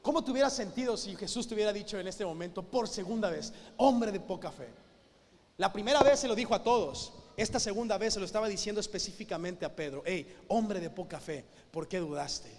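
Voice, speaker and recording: A man's voice: sits high, animated, fast talker, a little mellow. A man preaching a sermon in a church, emphatic and full of rhetorical questions. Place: church hall with a live band. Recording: long hall reverb.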